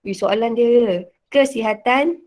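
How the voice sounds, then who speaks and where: A woman's voice: a little high, slow pace, darkish tone. Casual Malaysian woman teacher. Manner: casual, mixes in English words, many fillers. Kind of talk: online revision lesson.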